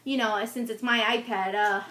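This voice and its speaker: A woman's voice: on the high side, steady tone, moderate pace, bright, forceful tone. A woman in her twenties chatting casually as co-host of a homemade video. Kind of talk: casual chat. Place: small room indoors. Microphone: tablet at arm's length. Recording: roomy echo, noisy tablet microphone.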